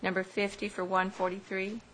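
A woman's voice: mid-range voice, completely flat delivery, moderate pace, fairly bright tone, rough recording. A woman working as an auctioneer at a live auction, reading out lot numbers and bids in a procedural way, digit by digit. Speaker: auctioneer at a property tax sale. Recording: live room recording with background noise.

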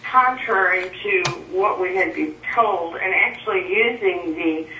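A woman's voice: fairly low pitch, pushed and bright, lo-fi sound, a little hiss or hum. A woman on a speakerphone call into a public board hearing, talking hesitantly with many fillers and restarts about her property appeal. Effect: heard over a speakerphone. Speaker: property owner appealing a valuation. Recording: thin, roomy, distant speakerphone audio.

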